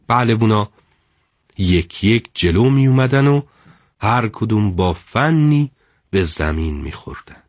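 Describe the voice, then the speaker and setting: A man narrating a story in a measured, dramatic storytelling delivery. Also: deep voice, no room sound, lo-fi sound.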